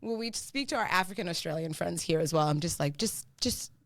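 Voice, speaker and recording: A woman's voice: on the low side, fast talker, no echo. A woman co-hosting a podcast in casual chat, playful and laughing often, thinking aloud. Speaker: podcast co-host.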